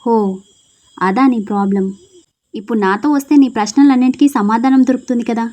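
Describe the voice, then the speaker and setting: A woman's voice: on the high side, fairly quick, warm tone, lightly acted. Woman doing a bossy young rowdy guy. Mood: coaxing. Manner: gruff, commanding, teasing. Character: brash young male rowdy, bossy and threatening.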